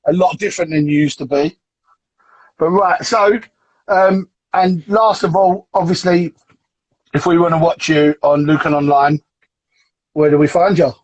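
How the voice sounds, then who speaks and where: Husky teasing host. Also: male voice, on the high side, fairly even intonation, unhurried, pauses often, no echo, poor audio. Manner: teasing, laughing often. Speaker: host, team manager. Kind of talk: casual chat interview.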